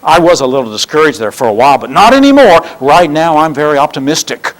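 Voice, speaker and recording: A man's voice: on the high side, lively intonation, fast talker, natural voice, rough recording. A man reading the lines of a bossy, gloomy cartoon girl in a matter-of-fact, self-satisfied way. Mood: smug.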